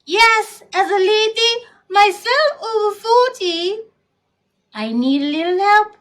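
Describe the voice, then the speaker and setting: Grand vintage starlet hostess, very high purring voice, slow drawn-out delivery, comedic talk show. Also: female voice, expressive, a bit bright, exaggerated voice. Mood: gushing, confiding. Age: over 40.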